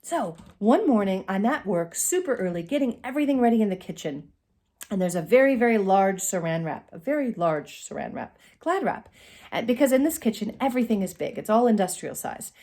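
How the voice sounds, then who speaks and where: Holding her phone at arm's length in a small curtained room, a middle-aged channel host relates a funny personal story to the camera. Her medium-pitched voice is theatrical and expressive, punctuated by dramatic pauses.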